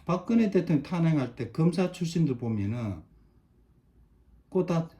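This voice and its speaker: Warm and on the high side, this middle-aged man's expressive voice moves at a moderate pace. As an online commentator, he goes through a chart point by point, using short demonstratives and emphatic repetition.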